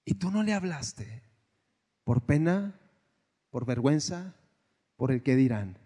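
A man preaching a sermon, swinging from hushed lines to shouts. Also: medium pitch, expressive, slow, husky. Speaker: pastor. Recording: long hall reverb.

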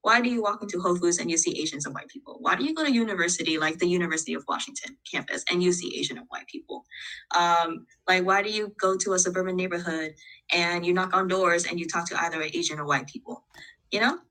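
A woman's voice: fairly low pitch, fast talker, bright, forceful tone, rough recording. A young woman co-hosting a podcast, talking in a rambling way with many fillers like "like" and "you know.". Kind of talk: conversational podcast discussion.

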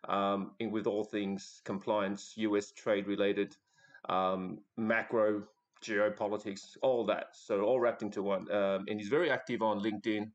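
A man with an Australian accent hosting a podcast interview, talking in a relaxed, hesitant way with many fillers. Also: fairly low pitch, dull audio. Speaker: podcast host.

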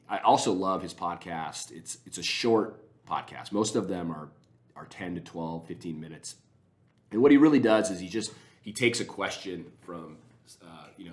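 A man talking casually on a podcast, rambling with enthusiasm and many restarts as he recommends things. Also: low voice.

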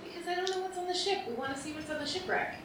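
High-voiced woman, distant in echoey room. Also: racing, noisy background. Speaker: tabletop game player. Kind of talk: casual in-game chat.

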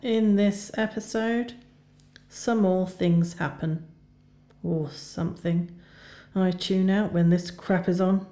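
A woman voicing a jaded radio anchor who introduces the episode in a dismissive, deadpan way. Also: on the low side, slow pace. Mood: bored. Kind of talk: hobby audio drama.

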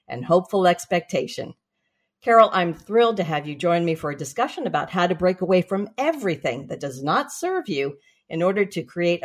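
A woman hosting a podcast interview, introducing and questioning her guest in an enthusiastic, welcoming way. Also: fairly low pitch. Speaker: podcast host.

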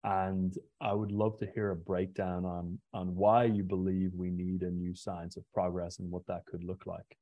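A man's voice: deep voice, little pitch movement, normal speed, dry recording, narrow, tinny audio. A young Irish man hosting a podcast interview, reading his questions earnestly and sometimes stumbling over words. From Ireland. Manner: earnest, reads prepared questions, repeats words. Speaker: podcast host.

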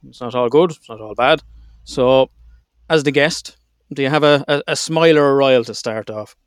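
A man's voice: medium pitch, moderate pace, clean tone, no room sound, studio quality. A man with an Irish accent hosting a podcast in a casual, joking, informal way. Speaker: podcast host. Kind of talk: casual chat.

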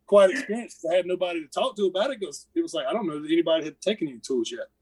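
A man's voice: on the high side, racing, darkish tone, husky, low-quality recording. A man with an Appalachian accent, a podcast guest telling casual stories about a mission trip in a rambling, self-correcting way. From United States. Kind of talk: casual storytelling.

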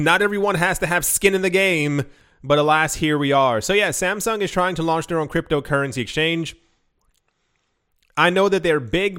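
A man with a slightly higher voice than most hosts a casual crypto news show. He reads each headline and then wanders into loose, rambling asides, stacking fillers as he thinks aloud. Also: fairly bright tone.

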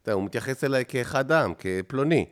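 An Israeli man, a musician guest on a casual podcast, telling stories and acting out other people's lines. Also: medium pitch. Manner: animated storyteller who acts out other people's lines.

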